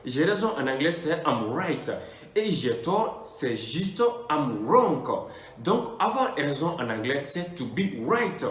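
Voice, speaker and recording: Lively slow-spoken man teaching in an echoey room. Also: a little high. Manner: repeats each phrase slowly and deliberately, drawing out example words. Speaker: English teacher. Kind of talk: explanatory language lesson.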